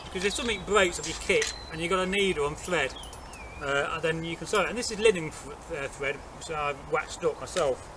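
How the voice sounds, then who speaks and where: This fairly quick, higher-pitched middle-aged man from Derbyshire in the East Midlands is a Viking re-enactor and craftsman co-hosting a casual show-and-tell. He speaks in a leafy garden to a camera several metres off, with birds and distant traffic audible.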